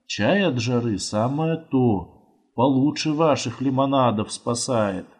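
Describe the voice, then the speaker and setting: A man's voice: mid-range voice, slow, slightly rough. A man reading an audiobook, voicing a weary, grumbling old woman. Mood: softened. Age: older. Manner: grumbling, tired.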